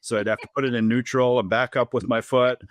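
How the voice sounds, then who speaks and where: A man's voice: mid-range voice, steady tone, fast talker, no room sound, studio quality. A man in his fifties from Minnesota with a Minnesotan accent, a school superintendent chatting easily as an interview guest, joking and often restarting his sentences. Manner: easygoing and joking, with frequent restarts. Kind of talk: casual interview chat.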